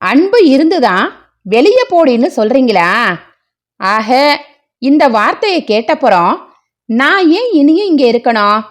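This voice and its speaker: Casting: a wailing, bitter middle-aged wife, slow and lively in pitch, read by a woman storyteller. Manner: wailing, reproachful.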